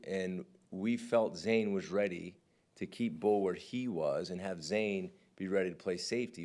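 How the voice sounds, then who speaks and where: Deep-voiced football coach at a press conference. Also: male voice, darkish tone. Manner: candid, conversational, often asks "right?". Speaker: defensive coordinator.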